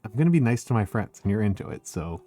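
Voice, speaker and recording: A man chatting casually as a streamer, excitable and rambling, leaning on filler words like "like". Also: lowish voice, fast, faint music behind. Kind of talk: casual chat.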